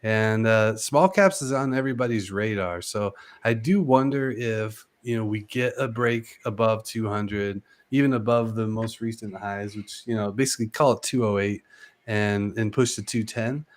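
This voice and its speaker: A man's voice: fairly low pitch, normal speed. A man hosting a casual trading show, upbeat and loose, with plenty of fillers as he walks through charts. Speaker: host. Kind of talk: casual market chat.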